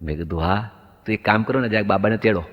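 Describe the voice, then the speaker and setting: This man's voice is fairly low and fast as he does stand-up comic storytelling, acting out each side of the dialogue through to the punchline. The recording quality is dull and lo-fi, with a long reverb like a hall.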